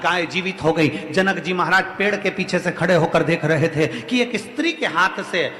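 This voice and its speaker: High-voiced man preaching in an echoey hall. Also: normal speed, bright, forceful tone. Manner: repetitive, chant-like phrasing. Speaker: religious storyteller. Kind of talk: devotional scripture storytelling sermon.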